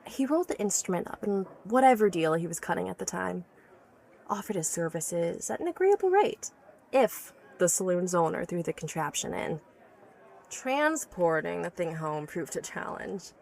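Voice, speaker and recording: Slight background noise sits under this woman's lowish, darkish voice, which is very animated, moderately paced and full of vocal fry. She acts an obsessive, learned inventor in an audio drama, earnestly and articulately recounting her life's work in a nostalgic, enraptured mood and stammering when awed by it.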